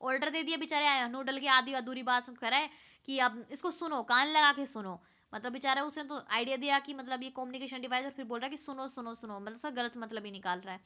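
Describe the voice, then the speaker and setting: A woman teacher explaining a story chapter, reading English lines slowly and then explaining them in Hindi. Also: high-pitched, pushed and bright.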